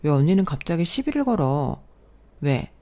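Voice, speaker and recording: A woman playing an indignant young bride-to-be who pushes back hard and protests every slight. Her voice is mellow and warm, set in an ordinary middle pitch. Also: sing-song, normal speed.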